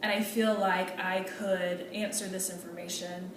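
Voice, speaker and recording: A woman's voice: on the low side, level tone, a little slow, lightly acted. A woman playing a hesitant, earnest medical student. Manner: polite, hesitant, with many fillers and restarts. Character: earnest female medical student pleading for accommodations. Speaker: student in a meeting role-play. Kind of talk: role-play meeting. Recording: echoey room, distant mic, noisy.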